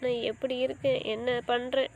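A woman's voice: high-pitched, level tone, moderate pace, a little mellow, lo-fi sound, a little hiss or hum. A woman playing a hurt young wife in an amateur drama, scolding and insisting. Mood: angry. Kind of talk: amateur web drama acting.

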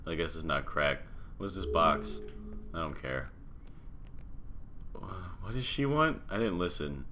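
A man's voice: very deep voice, very animated, measured pace, background noise. A man giving casual, sarcastic let's-play commentary into a desktop microphone, grumbling and swearing when he gets stuck. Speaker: gamer playing a story game.

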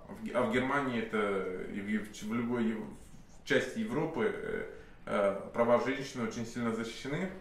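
Speaking off the cuff to a camera, this thirty-something man, who has a slight cold, casts himself as a sorcerer and relates a client's story at length. His medium, slightly bright voice keeps stalling into hesitations and starting over. The setting is an office lit with candles, and the audio carries heavy room echo plus a faint hiss.

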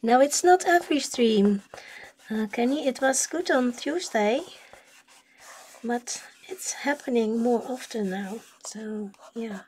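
A woman with a slightly high, husky voice chats casually as she colours on a livestream. Her remarks are unhurried and tend to trail off into a murmur. A pencil scratches on paper as she talks. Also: darkish tone. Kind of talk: casual livestream chat while drawing. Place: indoors at a drawing desk. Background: pencil scratching on rough paper.

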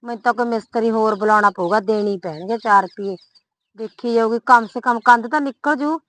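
A woman playing a fretful, sharp-tongued village woman with a Punjabi accent, who scolds, calls out loudly and frets about gossip. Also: a little high, a little fast, dry recording, natural voice. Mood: worried muttering. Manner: scolding, anxious about gossip, loud when calling. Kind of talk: comic short-film acting.

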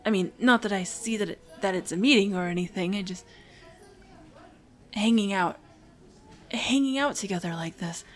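Taking long pauses at a moderate pace, a woman with a medium-pitched voice lightly acts the part of a shy, anxious teen hero-in-training. The romantic audio roleplay has her stammering, apologizing and rambling hesitantly.

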